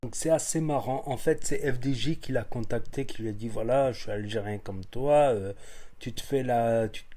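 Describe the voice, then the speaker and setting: A man's voice: medium pitch, moderate pace, warm tone. A man hosting a reaction video, talking into his phone in a rambling casual commentary with chuckling asides.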